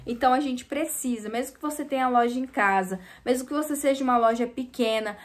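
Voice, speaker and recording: A woman with a high voice and a Brazilian Portuguese accent tells stories from running her small clothing store. She talks casually and chattily to her viewers, calling out to them often as she vents. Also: fast talker, a little hiss or hum. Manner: chatty, venting, often addresses viewers directly. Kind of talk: casual vlog storytelling.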